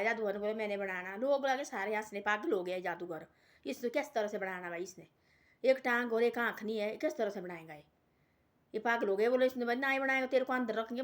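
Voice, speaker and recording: A woman telling a folk tale in a casual, rambling way, repeating herself and tossing in "bhai" between phrases. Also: mid-range voice. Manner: rambling, repetitive, peppered with "bhai". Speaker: storyteller. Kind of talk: casual oral folk storytelling.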